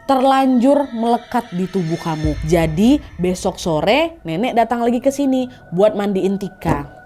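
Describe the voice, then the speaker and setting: A woman voicing a gentle old grandmother healer who prays, speaking in a soft and caring way. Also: mid-range voice, lively intonation, a little slow, faint music behind, close to an everyday voice.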